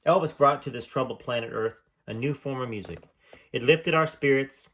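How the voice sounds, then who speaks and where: Reading from a memoir at a moderate pace, this man has a mid-range voice with a fairly bright tone. He's a channel host who keeps the reading earnest but breaks off occasionally for casual, halting comments.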